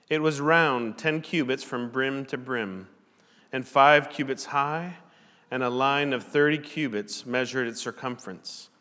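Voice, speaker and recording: A pastor at a pulpit microphone in a church, introducing and then reading scripture aloud in a measured, deliberate way. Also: male voice, mid-range voice, a bit bright. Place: church sanctuary. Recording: long church hall reverb.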